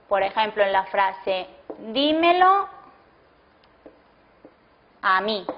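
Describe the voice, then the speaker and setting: Slow, deliberate woman teacher, lo-fi. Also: mid-range voice. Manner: slow, deliberate, breaks sentences into single words. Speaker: language teacher. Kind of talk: slow classroom explanation with dictated example sentences. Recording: dull lo-fi classroom video audio.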